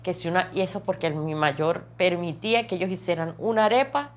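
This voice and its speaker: A woman's voice: on the low side, fairly quick. Woman in her 30s sharing her testimony, emotional, tells it vividly and keeps repeating herself for emphasis. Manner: vivid, repetitive storytelling that piles up phrases. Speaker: testimony guest.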